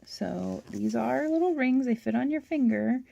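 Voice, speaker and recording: A woman hosting a toy-collecting channel, chatting and gushing through a catalog in a hoarse voice. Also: on the high side, lively intonation, a little slow, warm tone, muffled recording. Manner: chatty, gushing, with little laughs. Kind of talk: casual show-and-tell of a toy catalog.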